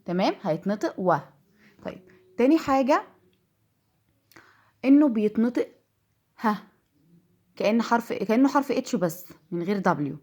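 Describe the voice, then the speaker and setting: A woman with an Egyptian Arabic accent teaching English pronunciation, patiently repeating each word slowly. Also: on the high side, expressive, darkish tone. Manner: patient, repeats words slowly to drill them. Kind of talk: classroom-style lesson.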